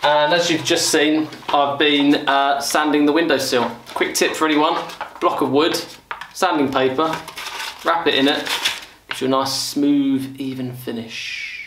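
A man's voice: a little high, steady tone, measured pace, noisy background. A young British man giving a chatty, self-deprecating renovation update to camera in a half-finished room. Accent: British English. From United Kingdom. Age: young adult. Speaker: property renovation vlogger. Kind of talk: casual DIY update to camera. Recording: roomy echo of a bare room.

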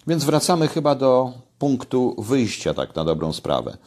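A man's voice: mid-range voice, sing-song, measured pace, darkish tone. An older man giving casual commentary to camera from his home kitchen, talking conversationally and pushing his voice up on key points. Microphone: webcam at desk.

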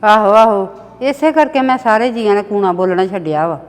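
A woman's voice: medium pitch, moderate pace, big-room sound, soft background music, natural voice. A middle-aged woman with a Punjabi accent acting a soothing, motherly mother on a phone call.

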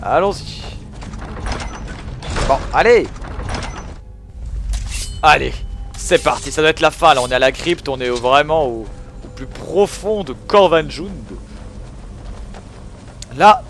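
A man giving excitable gameplay commentary, swearing and shouting at the game as he plays. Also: fairly high pitch, slow pace, long pauses, soft background music. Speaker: gaming video host.

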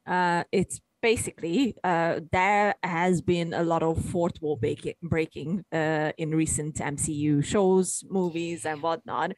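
A woman's voice: low-pitched, fairly even intonation, unhurried, few pauses, a little mellow, dry recording, low-quality recording. A woman co-hosting a film podcast, sharing fan theories with eager enthusiasm and a lot of "uh" fillers. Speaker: podcast co-host. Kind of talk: casual film chat.

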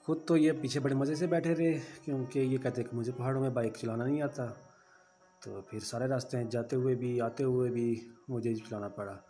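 Male travel vlogger. Mellow, mid-pitched voice-over with chatty guidance and faint music underneath. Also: steady tone, moderate pace. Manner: chatty, explains the route and gives tips to viewers.

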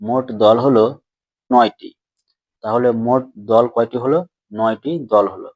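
A man's voice: mid-range voice, steady tone, darkish tone, dry recording, muffled recording. Patient male teacher, dry close sound. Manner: patient, repeats questions and answers them himself; stretches out words slowly when splitting syllables. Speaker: Bengali grammar teacher. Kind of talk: classroom lesson explanation.

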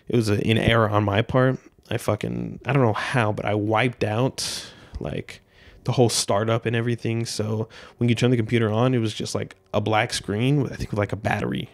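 Twenties male podcast host, gravelly and relaxed, dry close-mic sound, loose unscripted rambling. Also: mid-range voice, no room sound. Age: 20s. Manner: laid-back, loose and meandering, frequent filler words and swearing. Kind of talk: casual solo rambling podcast. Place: small room at home, seated by a door. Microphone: handheld dynamic mic, wearing headphones.

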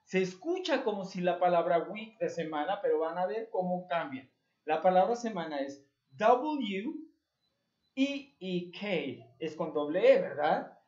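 A woman's voice: on the low side, lively intonation, moderate pace, darkish tone. A woman from Mexico with a Mexican Spanish accent, teaching English to young children. She spells words out letter by letter and praises her pupils, calling them "hijos". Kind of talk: remote lesson for young children. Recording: roomy, dull lo-fi home recording.

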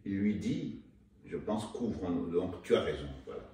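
An older man from Rwanda, an author, talking about his book in an interview with hesitant pauses and repeated words. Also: low-pitched, animated, warm tone. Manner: slow, hesitant, repeats words while searching. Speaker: author and guest. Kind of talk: conversational interview. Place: indoor room, seated in armchair. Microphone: far camera. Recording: echoey room, mic at a distance, faint noise.

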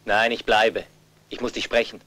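A man's voice: on the low side, level tone, moderate pace, sharp tone, no echo, poor audio. A man dubbing a young adult younger brother, earnest and insistent, protective of his family. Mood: calm. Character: protective younger brother, a fighter back home. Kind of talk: German film dub.

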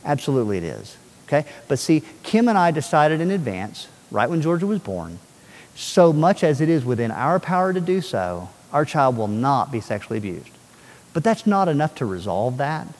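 A middle-aged man giving an energetic talk to an audience and often checking that they follow him. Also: on the high side, normal speed. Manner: animated, asks the audience questions often. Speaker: speaker on child safety. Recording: long hall reverb.

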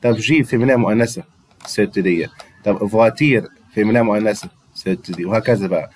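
There's a little hiss or hum behind this brisk, fairly low-pitched man with an Egyptian Arabic accent. In classroom fashion, he teaches French grammar and patiently repeats words for students to drill.

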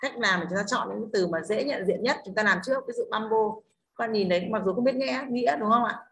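A woman with a fairly high, slightly bright voice speaks fairly quickly, with slight background noise, teaching English online in a Northern Vietnamese accent. She explains pronunciation rules step by step and regularly checks in with "đúng không?".

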